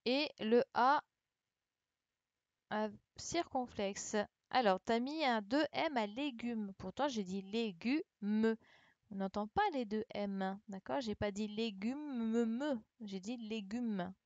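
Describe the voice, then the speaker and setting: Over a video call, a primary school teacher patiently spells out letters while correcting a dictation, checking in with her pupils along the way. Her medium-pitched voice moves slowly, picked up by a computer mic in dull, lo-fi quality with no echo.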